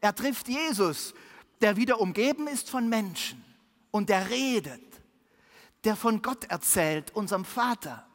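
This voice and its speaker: A preacher telling a Bible story to children in a sermon, with vivid swings between hushed and lively delivery. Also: mid-range voice, unhurried, long reverb tail.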